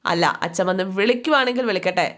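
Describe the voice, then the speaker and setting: A man's voice: high-pitched, quick pace, sharp tone. A woman voicing a proud young man who stubbornly refuses his mother's pleas. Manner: stubborn, pleading.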